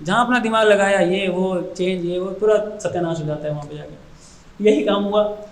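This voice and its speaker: A man with a high voice gives a devotional talk and tells stories with energy. He often slips into English phrases as he speaks. His voice rings around a roomy, echoing space. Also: moderate pace. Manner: lively storytelling, switching often into English phrases. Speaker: spiritual speaker.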